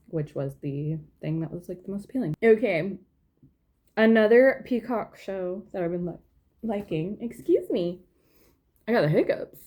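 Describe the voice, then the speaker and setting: Chatty woman with a low, mellow voice. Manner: chatty, rambling, filler-heavy. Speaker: knitting vlogger. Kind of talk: casual chat. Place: home.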